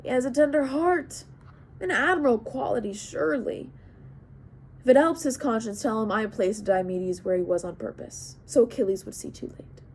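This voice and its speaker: A woman voicing a calm, cunning male king and counselor who speaks in a measured, wry way. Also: on the high side, slight background noise, natural voice.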